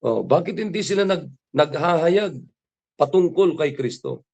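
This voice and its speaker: A man's voice: fairly high pitch, animated, measured pace, creaky, darkish tone, husky. A man with a Filipino accent preaching a morning devotion sermon, who asks his listeners question after question and quotes scripture in English. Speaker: pastor.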